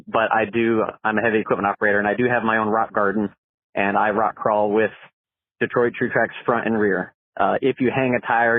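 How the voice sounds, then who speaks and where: A man's voice: lowish voice, dry recording. An American man leaving a casual, rambling voicemail message as a listener calling in to a show. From Florida, USA. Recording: muffled narrow phone voicemail line.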